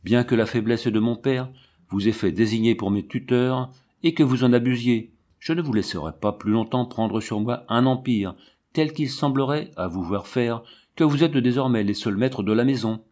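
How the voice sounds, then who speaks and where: A man's voice: mid-range voice, normal speed, a little mellow, lightly acted. A man reading the part of a defiant fifteen-year-old girl who speaks in an indignant, cutting way in a storybook reading.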